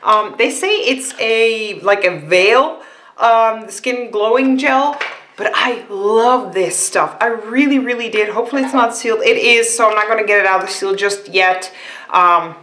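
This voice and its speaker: A woman's voice: a little high, measured pace, fairly bright tone, echoey room, a little hiss or hum. A woman beauty vlogger chatting casually and rambling through a box unboxing, with frequent fillers.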